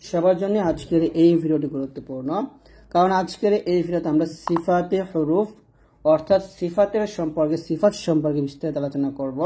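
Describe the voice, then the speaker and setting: A man's voice: a little high, mellow, breathy edge. A man teaching Quran recitation rules in a casual, step-by-step lesson, often repeating points and checking understanding.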